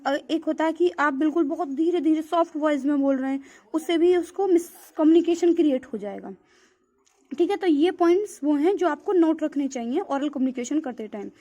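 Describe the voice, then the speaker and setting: A woman's voice: high-pitched, brisk, mellow. A woman teacher giving a classroom lecture in Hindi, mixing in terms and calling her students "beta". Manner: mixes English terms into Hindi, calls students beta, repeats "theek hai". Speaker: school teacher. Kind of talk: classroom lecture explaining from a textbook.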